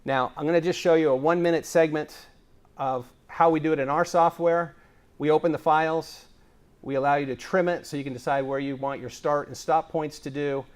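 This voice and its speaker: This man's voice is fairly high and fairly quick, with fairly even intonation. Presenting at a tech conference from the stage, he explains video production with enthusiasm and plenty of filler words.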